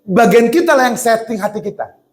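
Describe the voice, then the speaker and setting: A man preaching a lively sermon in a church, asking his congregation questions and acting out the voices in his stories. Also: extremely high pitch, a little fast, faint music behind. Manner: animated, acts out voices, asks the congregation questions.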